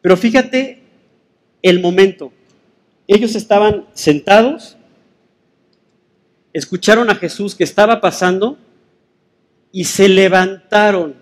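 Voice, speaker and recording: A man preaching a sermon in a conversational way, asking listeners rhetorical questions. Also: high-pitched.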